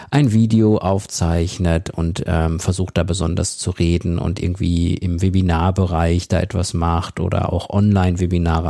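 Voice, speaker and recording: Deep gravelly-voiced male podcast host. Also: mellow, no room sound, clean studio sound. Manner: direct, conversational, plain-spoken. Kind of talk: casual solo podcast advice.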